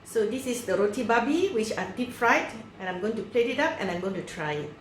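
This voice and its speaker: A woman's voice: on the high side, expressive, brisk, roomy sound, background noise. A woman hosting a cooking video, chatting casually and walking through each step aloud as she cooks. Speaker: cooking channel host.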